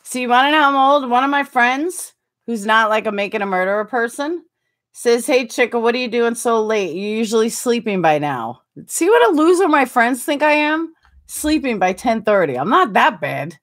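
Her voice sits on the high side with a sing-song lilt at normal speed. She is a livestream host in her forties, chatting casually and reading out viewer comments in a self-mocking tone, laughing often, filmed on a desktop webcam in a small room with curtains behind.

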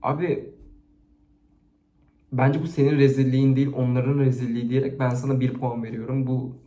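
A man's voice: medium pitch, moderate pace. Chatty man in an echoey room. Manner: chatty and expressive, with frequent laughter. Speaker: YouTuber reading viewers' stories. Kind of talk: casual chat to camera, reading and rating stories. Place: indoors at home, set-up camera. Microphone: camera on a stand.

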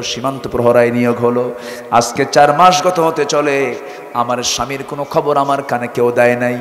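A man's voice: mid-range voice, fairly bright tone, natural voice. Indignant young wife, played by a male preacher, scolding, echoey hall. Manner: indignant, scolding, listing faults. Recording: echoey hall with long reverb.

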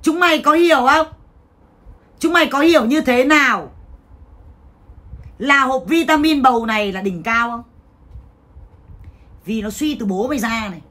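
A woman's voice: high voice, normal speed, pauses often, a bit bright. A woman hosting a livestream sale who rants and scolds her viewers with a foul mouth. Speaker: livestream seller. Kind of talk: livestream sales talk.

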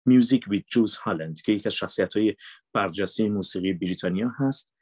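This is a dry recording of a man with a lowish voice. He is a voice actor and dubber from Mashhad, Iran, with a Mashhadi Persian accent, and he answers interview questions earnestly, emphatically, and with repetition for stress.

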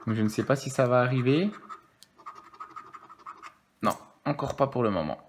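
A jokey man riffs through his scratch cards in a relaxed, casual commentary. He reads the numbers aloud and answers his viewers as he goes. Faint noise hums behind his voice. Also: mid-range voice, normal speed. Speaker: scratch-card streamer.

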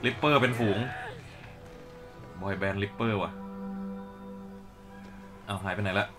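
A man doing let's play commentary, dubbing the characters live while swearing and joking excitably. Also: lowish voice, measured pace, over music. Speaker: game commentator. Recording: game sounds behind.

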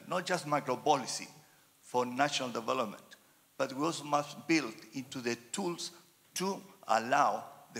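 Chilean man, gravelly voice, asks a rambling question from the floor via roving mic in a reverberant hall. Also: mid-range voice, fairly bright tone. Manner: halting, many fillers. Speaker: audience member asking a question. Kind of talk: audience question at a panel event. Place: large wood-panelled hall. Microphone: roving handheld mic.

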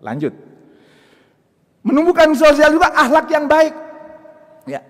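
A man giving a lively religious talk to an audience, jumping between loud high bursts and soft low asides and acting out little scenes. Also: measured pace. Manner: jokes and acts out little scenes. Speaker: preacher and motivational speaker. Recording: long hall reverb.

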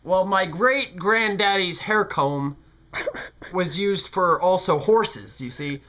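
Pitching his voice high, bright and pushed, this young adult prank caller takes his time, posing as a courteous, halting, down-home older customer. The American man is indoors in a small bedroom, speaking into a handheld speakerphone as a nearby camera captures him.

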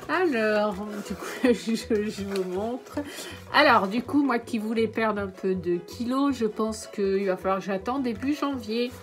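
A woman's voice: on the high side, unhurried, faint music behind. A woman in her thirties doing a casual unboxing vlog, enthusiastic and full of fillers and exclamations. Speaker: beauty and lifestyle vlogger.

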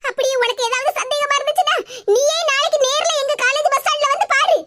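A woman's voice: extremely high pitch, steady tone, fast, pushed and bright, dry recording. A woman voicing a defensive young college student in a cartoon, with a Kanyakumari Tamil accent. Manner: pleading, defensive. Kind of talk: cartoon comedy dub.

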